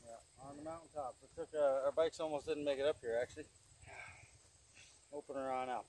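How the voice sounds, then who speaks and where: Young man, slightly high pitch, casual review host, slangy, laid-back, outdoor camera sound. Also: fairly even intonation, a little fast, darkish tone, rough recording. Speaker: host of a dip review channel. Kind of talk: casual product review chat. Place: outdoors on a grassy hilltop. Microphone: camera mic a few steps away.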